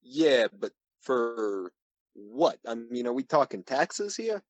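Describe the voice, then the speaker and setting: A man's voice: medium pitch, very animated, slow pace, no echo, low-quality recording. A man playing a retired detective in a tabletop game, dry and skeptical. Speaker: player voicing a retired detective. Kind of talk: in-character role-play.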